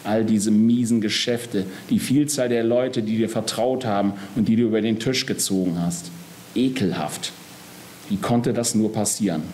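A man voicing the Soul as a gentle, sad female spirit in a storybook reading. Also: fairly low pitch, steady tone, normal speed, a little hiss or hum, close to an everyday voice. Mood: sorrowful. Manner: sorrowful, gentle.

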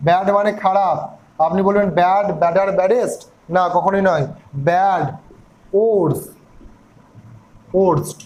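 High-voiced man teaching English grammar. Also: steady tone, moderate pace, pauses often, a little mellow, a little hiss or hum, rough recording. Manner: spells words out letter by letter and asks questions back. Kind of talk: explaining a grammar lesson.

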